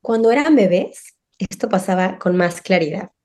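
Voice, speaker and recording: On a podcast, a middle-aged woman talks about parenting in a relaxed, conversational way, her voice medium in pitch and moderate in pace. She's animated, slipping into the voices of parents and children as she quotes them.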